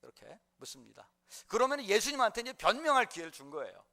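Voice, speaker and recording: A male preacher with a high, swooping voice. He tells the story in an animated way, full of fillers and chuckles. Preached in a church sanctuary. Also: quick pace. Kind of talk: sermon.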